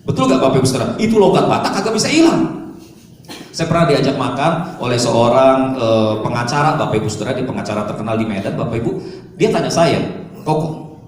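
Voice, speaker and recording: A man preaching a sermon as pastor, telling lively stories and mimicking regional dialects. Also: mid-range voice, fast talker, slight background noise. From Indonesia. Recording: echoey hall, distant mic.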